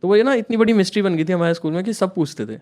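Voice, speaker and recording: A young Indian man does stand-up, telling a story in a high-pitched, racing, darkish voice. He chats with the crowd, keeps checking in with them and acts out scenes, while audience laughter is heard in the background.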